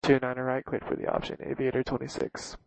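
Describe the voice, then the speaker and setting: Over a dull, lo-fi radio link, a pilot reads back instructions in short, clipped aviation phrasing. He sounds monotone and brisk, his mid-range voice a little mellow, and the recording is dry.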